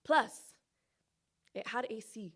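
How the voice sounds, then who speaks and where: A young woman from Hawaii, a student presenter, performs a personal narrative at a recital in a slightly high, fairly bright, husky voice. She takes it slowly, adding playful asides and comic timing.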